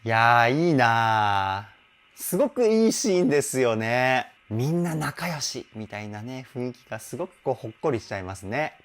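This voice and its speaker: A man's voice: medium pitch, sing-song, moderate pace, music in the background. A young man, a vocal coach, chatting enthusiastically while reacting to and analysing a song, laughing often.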